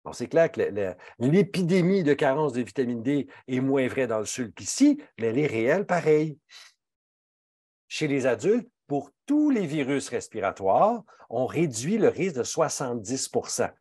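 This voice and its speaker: A man's voice: very animated, normal speed, darkish tone, husky, dry recording, clean studio sound. A man with a Québécois French accent giving a health talk as a pharmacist, emphatic and indignant in manner. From Quebec. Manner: emphatic, indignant, swings pitch widely for emphasis.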